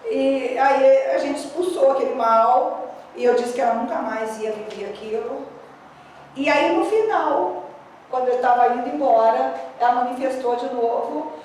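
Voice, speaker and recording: A woman pastor preaching a sermon in a church, telling stories in an animated way. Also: high voice, slight background noise. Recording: echoey church hall, distant mic.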